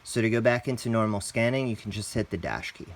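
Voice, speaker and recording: Over a noisy background, a man with a fairly low voice moves at a quick pace through a step-by-step product tutorial. He speaks in a relaxed, plain instructional manner and calls his viewers "guys."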